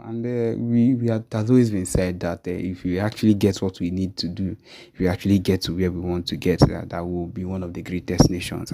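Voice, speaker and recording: A man's voice: low-pitched, dark tone, a little hiss or hum. A man with a Nigerian accent giving an impassioned political talk, emphatically repeating phrases with conviction. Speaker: political activist commentator.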